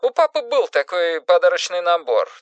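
A man voicing a brisk, opinionated elderly woman for a storybook reading, speaking in a matter-of-fact, weighty way. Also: high voice, sing-song, smooth, no echo, pitched above the performer's own voice.

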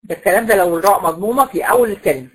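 A recitation teacher with an Egyptian Arabic accent lectures her class in a husky, mid-range voice at a rapid-fire pace. She explains patiently, puts questions to the class, and repeats the key rules. The recording is rough.

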